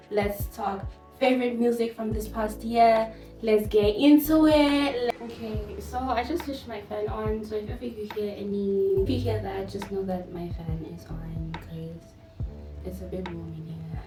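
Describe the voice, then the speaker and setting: A woman's voice: medium pitch, mellow. Roomy, distant-sounding woman chatting casually. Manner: informal, rambling, slangy. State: tipsy, smoking and drinking. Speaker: music vlogger hosting her own channel. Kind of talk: casual vlog chat to camera. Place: garden with a fan running. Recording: roomy, distant mic, music behind.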